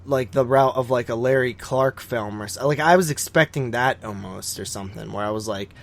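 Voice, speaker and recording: Reviewing horror films on his podcast, this man talks in loose, slangy chat, swearing a lot and dropping "like" and "dude" often. His mid-range voice is creaky and fairly quick.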